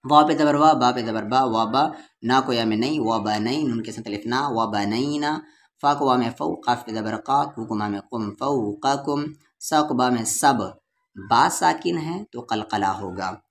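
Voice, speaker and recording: Guy w urdu-hindustani accent teaching quran reading letter by letter, stretches the vowels, normal mid voice. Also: mid-range voice. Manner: slow, patient spelling-out of syllables with drawn-out vowels. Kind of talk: letter-by-letter recitation lesson.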